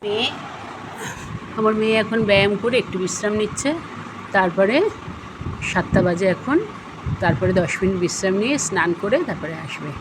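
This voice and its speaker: A woman's voice: mid-range voice, fairly quick, long pauses. Chatty middle-aged woman over kitchen frying. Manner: chatty, homely, rambling with fillers. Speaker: cooking vlogger. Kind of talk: casual home vlog chat. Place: home kitchen, indoors. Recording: home recording with frying noise.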